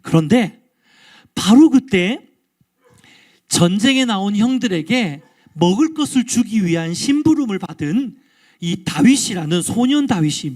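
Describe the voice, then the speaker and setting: A male pastor giving an all-ages sermon in a lively, interactive storytelling manner, often asking the congregation questions. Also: high voice. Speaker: guest pastor.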